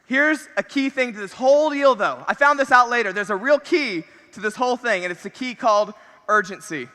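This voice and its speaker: A man giving an energetic motivational talk on a convention stage, with punchy lines that repeat key phrases. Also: very high voice, fairly quick. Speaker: convention speaker. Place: large convention hall. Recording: reverberant convention hall.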